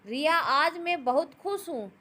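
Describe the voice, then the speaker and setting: A woman's voice: high-pitched, expressive, measured pace, sharp tone, heavily acted. A woman voicing Yug, a playful, teasing young man in love.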